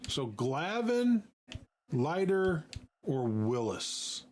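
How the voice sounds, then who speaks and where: A man streaming a baseball game, thinking out loud as he picks stadiums and players. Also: on the high side, big pitch swings, drawn-out words. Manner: musing aloud while picking players. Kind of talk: casual game commentary.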